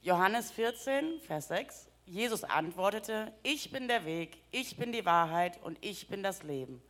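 A woman's voice: medium pitch, expressive, measured pace, fairly bright tone. A woman interpreting a sermon live, giving each phrase right after the preacher speaks.

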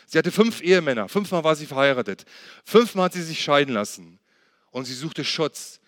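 A man's voice: a little high, expressive, normal speed, no echo, clean studio sound. A man preaching a sermon, earnestly asking the listener questions and retelling a Bible story in his own words. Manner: acts out the Bible figures' words in plain retelling.

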